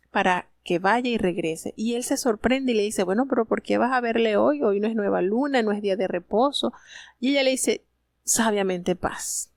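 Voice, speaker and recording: Female Bible commentator, gravelly texture, dry close sound; retells scripture and speaks the characters' lines, with gentle explanatory asides. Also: medium pitch, no echo.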